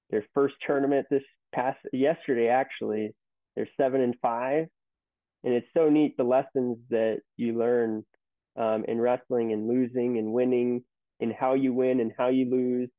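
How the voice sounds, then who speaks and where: A man's voice: mid-range voice, fairly even intonation, unhurried, dry recording. Ceo guy in his 30s on a tinny dry video call, rambling stories. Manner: rambling, storytelling with many restarts. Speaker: company CEO, guest. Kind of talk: casual interview talk. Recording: tinny phone-like line, dry.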